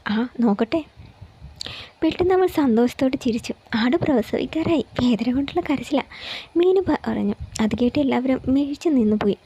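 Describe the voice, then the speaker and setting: Husky woman reading a story. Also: high voice, lively intonation, fairly quick, dark tone. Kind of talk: reading a romance story aloud.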